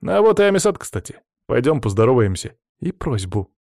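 A man's voice: mid-range voice, very animated, normal speed, gravelly, a little mellow, no room sound, clean studio sound. A man voicing a young woman, a sister who talks in a teasing, mocking way.

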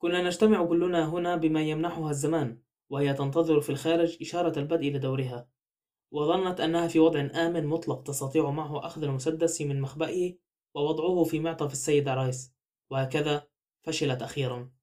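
Male audiobook narrator, scripted narration, quick steady reading, slightly high voice.

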